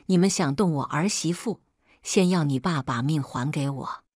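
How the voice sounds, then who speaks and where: Woman voicing a fierce loud old grandma. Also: moderate pace, no room sound, studio quality. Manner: booming, commanding.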